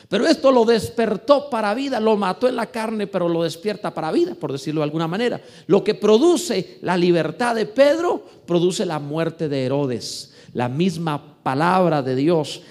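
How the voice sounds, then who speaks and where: A high-voiced man preaching a sermon, animated and dramatic. He swings from loud, stretched-out exclamations to low, quiet asides, and often repeats words as he restarts a thought. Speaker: pastor.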